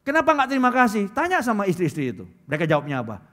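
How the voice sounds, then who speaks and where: A male pastor preaching a lively sermon, calling out loudly and dropping to quiet asides. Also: sits high, very fast. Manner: lively preaching, swings between loud calls and quiet asides; acts out quoted churchgoers in put-on voices. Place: church hall.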